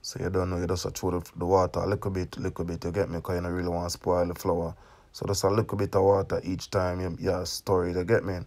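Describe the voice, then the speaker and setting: A man's voice: low-pitched, monotone, fast, darkish tone. A young man with a Jamaican accent demonstrating a recipe in his home kitchen, talking casually and often checking in with "you get me?". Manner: chatty, keeps asking "you get me?". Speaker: cooking channel host.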